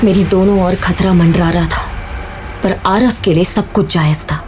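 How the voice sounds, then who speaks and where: In a lowish, natural voice with fairly even intonation, a woman narrates and acts as a defiant young mother in a first-person audio drama, speaking at normal speed with a slight mellowness. Soft music plays underneath the emotional, grave telling.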